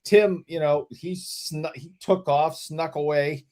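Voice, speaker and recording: Man with a Boston accent, chatting haltingly. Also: on the high side, steady tone, darkish tone. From Boston, United States. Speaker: hobby talk show panelist. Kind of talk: casual joking group chat.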